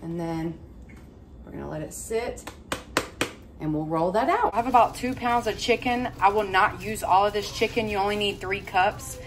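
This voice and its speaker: Chatting informally and folksily, a woman vlogger narrates a cook-along in her home kitchen indoors. She speaks at normal speed in a mid-range voice, and the sizzle of frying and other kitchen noise come through clearly.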